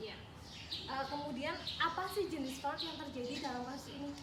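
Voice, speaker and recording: A woman's voice: sits high, steady tone, a little fast, natural voice. A woman playing a persistent reporter in a parody news interview, putting questions to guests. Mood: inquiring. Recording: noisy, echoey, distant mic.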